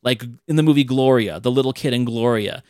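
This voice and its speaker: Talking informally about an old movie, this male podcast host is animated and now and then performs quotes in a raised voice. He speaks fairly quickly in a mid-range voice with a clean tone, recorded in a clean studio without echo.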